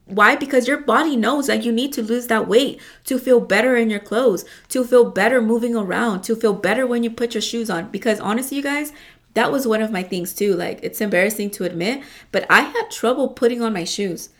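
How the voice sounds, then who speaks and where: A woman's voice: on the high side, brisk. A woman hosting a casual motivational talk, rambling with lots of fillers and frequent swearing, often calling her listeners "you guys".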